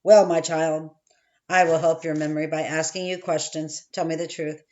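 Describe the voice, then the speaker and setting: A woman's voice: low-pitched, flat delivery, moderate pace, darkish tone, highs cut off, lightly acted. A woman reading an audiobook, voicing a haughty, stern male village priest who presses with questions. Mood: haughty, pressing.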